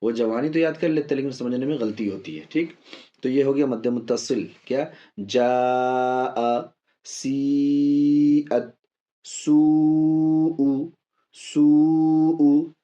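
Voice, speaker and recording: A patient man teaches a step-by-step reading lesson. His voice is mellow and a little dark, and he slows right down to spell out each syllable and stretch the long vowels. The recording sounds dull and lo-fi. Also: mid-range voice. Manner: patient, repeats syllables slowly and drawn out. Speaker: Quran recitation teacher.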